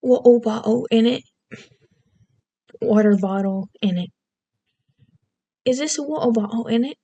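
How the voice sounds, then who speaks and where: A woman putting on an exaggerated British accent, speaking higher and more primly than her own voice in a playful vlog bit. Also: unhurried, mellow, dull audio. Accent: British (put on).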